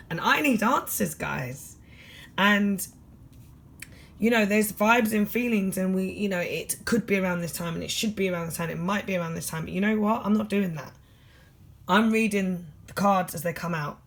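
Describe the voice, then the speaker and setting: A tired tarot reader with a London accent and a husky, mid-range voice with a fairly bright tone rattles quickly and bluntly through a general reading.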